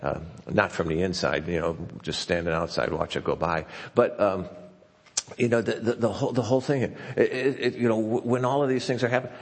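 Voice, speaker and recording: A low-voiced male pastor preaches in a folksy, chatty manner, stumbling and restarting as he goes. His voice is gravelly and a little husky. A long reverb from a church hall trails behind each phrase. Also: steady tone, brisk. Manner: conversational and folksy, with frequent restarts. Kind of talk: sermon. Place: church sanctuary.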